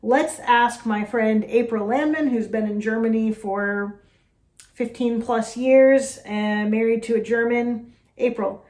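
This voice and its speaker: A woman's voice: a little high, takes it slowly, a little mellow. Chatty American woman, roomy echo. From United States. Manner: chatty, self-deprecating, with frequent fillers. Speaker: host. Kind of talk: casual vlog talk to camera.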